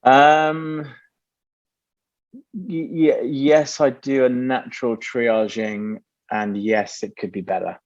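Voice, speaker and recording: Animated man on dull lo-fi audio. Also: mid-range voice, slow. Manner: animated, laughing, tangential. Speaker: guest, company founder. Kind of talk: casual interview conversation.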